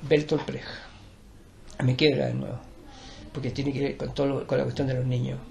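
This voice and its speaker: Gravelly older Chilean man, lecturing. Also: medium pitch, level tone, moderate pace, warm tone. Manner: digressive, repeats words and restarts, lecturing. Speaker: art teacher and performer. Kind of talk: rambling conversational interview.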